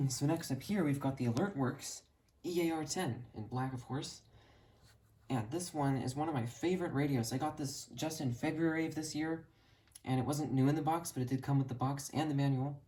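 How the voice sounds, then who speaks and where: Warm and medium-pitched, a hobbyist video creator gives a casual tour of their radio collection at a normal speed. Their way of talking is earnest, rambling, and enthusiastic.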